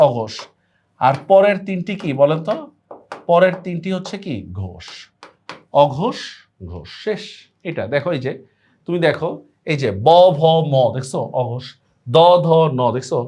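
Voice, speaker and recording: A young man teaching an online exam-prep lesson, repeating answers and firing quick check questions at students. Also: high-pitched. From Bangladesh.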